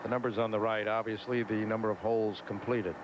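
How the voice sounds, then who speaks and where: Male golf commentator over loud outdoor noise. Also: on the low side, flat delivery, fast, dull audio. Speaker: golf play-by-play announcer. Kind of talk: live televised golf commentary.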